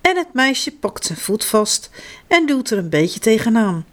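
A woman reading a children's story aloud in a slow, expressive way. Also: fairly high pitch.

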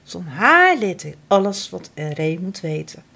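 A woman reading a children's storybook aloud, dramatic and full of expression. Her pitch rises and falls a great deal, and she takes her time. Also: big pitch swings, a little slow, creaky, sharp tone.

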